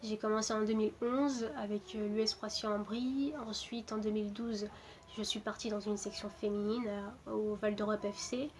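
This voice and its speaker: A woman in her twenties, from Portugal, talks casually about herself as a footballer. Her delivery is hesitant and even, with little rise and fall and many filler sounds. A faint ambient hiss sits behind her. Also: mid-range voice, normal speed. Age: 20s. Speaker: footballer interviewed. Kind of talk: casual self-introduction to camera.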